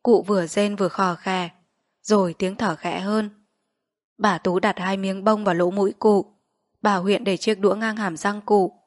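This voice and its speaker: A woman narrating a literary short story in a measured, steady reading voice. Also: mid-range voice, dry recording, studio quality.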